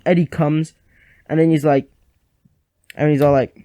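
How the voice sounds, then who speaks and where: A man's voice: fairly high pitch, level tone, unhurried, dark tone, clear, resonant tone, dry recording. A young man giving a rambling, sarcastic comedic game review at a home microphone. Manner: rambling, sarcastic, lots of fillers.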